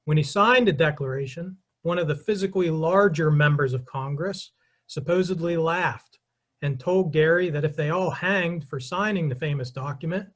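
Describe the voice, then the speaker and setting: A middle-aged man giving a brisk history lecture with slides, addressing the audience directly and explaining clearly. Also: a little high.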